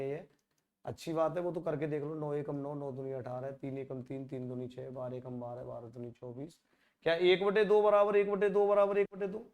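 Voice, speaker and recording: A man teaching exam-prep maths in a conversational way, asking rhetorical questions and dropping to a low mutter while he works through sums.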